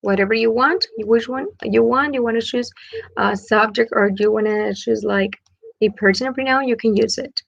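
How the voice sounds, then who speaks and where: A woman teaches English grammar, stepping slowly through each example. Her voice sits a little high with a gravelly edge. The sound is dry and somewhat dull. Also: dry recording. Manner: switches between Spanish and English, slow over example sentences. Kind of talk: online grammar lesson.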